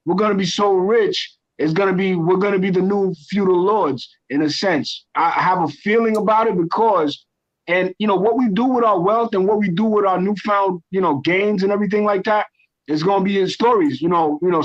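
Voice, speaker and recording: A man's voice: high-pitched, fairly quick. A man from Ghana, a guest on a podcast, talking crypto in a passionate, rambling way and often correcting himself. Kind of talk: casual crypto chat. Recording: dull lo-fi stream audio.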